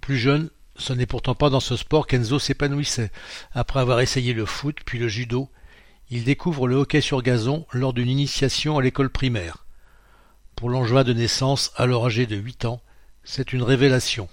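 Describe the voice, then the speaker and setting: A man reading a printed magazine aloud in French, announcing page numbers and quotation marks in a steady, informative way. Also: medium pitch, normal speed, dry recording, clean studio sound. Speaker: magazine reader.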